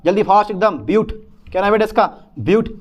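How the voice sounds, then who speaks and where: A man's voice: sits high, animated, fast talker, dull audio. A young man lecturing on chemistry at a whiteboard, talking to his students and answering his own questions in a student's voice. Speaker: chemistry teacher.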